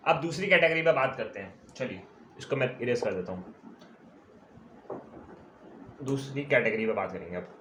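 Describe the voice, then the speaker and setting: A man teaching a commerce lecture at a board, explaining terms step by step and stretching key words out slowly. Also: mid-range voice, lively intonation, sharp tone, slight background noise. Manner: repeats key terms slowly, checks in with "ठीक है". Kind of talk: classroom lecture.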